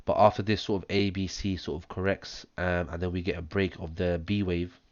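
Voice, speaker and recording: Hoarse low-voiced man talking through charts. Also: flat delivery, fairly quick, no room sound, dull audio. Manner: talks step by step through wave counts, many ums. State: hoarse, chesty cough. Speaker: trading analyst. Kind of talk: screen-share chart analysis. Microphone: close mic, audible breathing.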